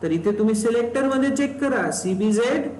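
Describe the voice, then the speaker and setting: A man is teaching a technical class, his voice set high. He keeps quizzing the students and repeating the key terms. The room is echoey and a faint noise sits underneath. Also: animated, fairly quick, darkish tone. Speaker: instructor. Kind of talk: live technical class explanation. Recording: roomy echo, faint background noise.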